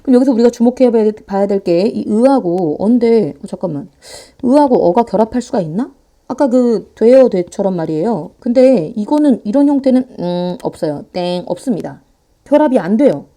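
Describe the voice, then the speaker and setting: A woman teaching a grammar lecture online in a playful, animated way, talking fast and sometimes acting out students' voices. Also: medium pitch. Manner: talks fast to save time.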